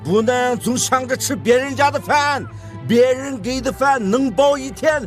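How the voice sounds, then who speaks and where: A man's voice: very high-pitched, a bit bright, soft background music. An actor playing a middle-aged male village chief who coaxes villagers in a preachy, folksy way. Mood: exhorting. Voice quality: coaxing, preachy with drawn-out sentence endings. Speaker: village head. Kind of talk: radio drama acting.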